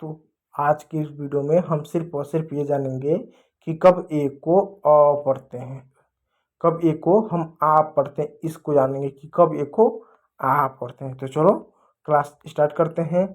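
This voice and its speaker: A man teaching an English phonics lesson to children. He asks his own questions, answers them, and repeats example words slowly and emphatically, often addressing the children affectionately. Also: fairly high pitch, steady tone, phone-quality sound. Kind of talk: classroom-style phonics lesson.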